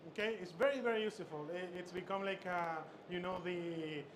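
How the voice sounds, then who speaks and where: Man from Chile, chef instructor, high voice, halting demo talk, noisy expo floor. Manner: halting, many fillers and repeated words. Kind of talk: live cooking demonstration. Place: expo stage. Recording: noisy expo hall ambience.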